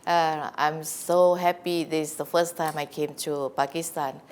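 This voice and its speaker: A woman speaks in a low, chatty voice as a guest academic. She answers in a loose way, stopping and restarting with many fillers. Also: fairly even intonation, unhurried, a little mellow, a little hiss or hum. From Indonesia. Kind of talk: casual interview answers.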